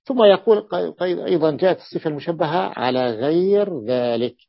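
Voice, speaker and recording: A man teaching Arabic morphology in a classroom lecture, repeating example words slowly and checking whether his students follow. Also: a little high, expressive, vocal fry, no echo. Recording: dull dry lo-fi recording.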